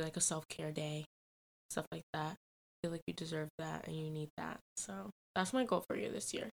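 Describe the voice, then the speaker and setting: A woman's voice: low-pitched, gravelly. A young woman in her late teens, co-hosting a casual podcast with her mother, speaking heartfelt and rambling. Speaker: podcast co-host, daughter. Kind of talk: casual chat.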